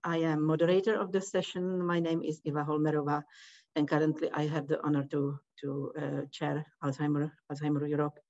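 Czech woman moderating a session, halting. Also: deep voice, level tone, a little mellow. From Czech Republic. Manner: halting, hesitant non-native phrasing. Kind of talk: conference moderation. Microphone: video call. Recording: muffled video call audio.

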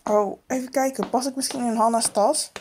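A woman's voice: a little high, steady tone, moderate pace, a little mellow, a little hiss or hum, natural voice. A woman voicing a reluctant little girl in a toy-figure film, speaking in a whiny, grumbling way. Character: reluctant little girl who skips daycare.

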